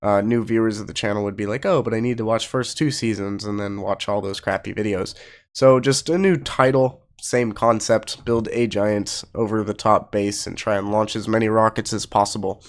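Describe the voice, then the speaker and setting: A man's fairly low voice moves at a normal speed with fairly even intonation. He's getting over a cold and hosts a gaming channel, delivering casual let's play commentary with informal, rambling explanations.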